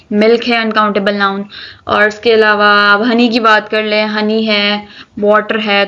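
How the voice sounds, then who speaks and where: A woman's voice: fairly high pitch, fairly bright tone. Lo-fi woman teaching English grammar. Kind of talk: grammar lesson explaining articles. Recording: dull lo-fi recording.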